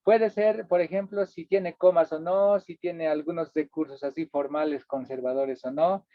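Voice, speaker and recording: Male workshop instructor with a Bolivian accent, explanatory and step by step, pitched a bit high, dry lo-fi phone-like recording. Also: fairly even intonation, normal speed, dry recording. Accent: Bolivian Spanish. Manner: explanatory, checks in often with "¿ya?" and "¿no?". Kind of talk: lecturing over slides. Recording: dry, tinny phone-like sound.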